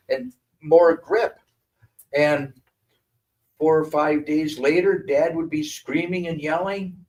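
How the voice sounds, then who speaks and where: An older man from Wisconsin giving a talk, telling lively stories and acting out the voices of the people in them. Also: fairly high pitch. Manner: animated storyteller acting out quoted voices. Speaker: guest speaker. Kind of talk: storytelling talk. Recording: voice from a distance.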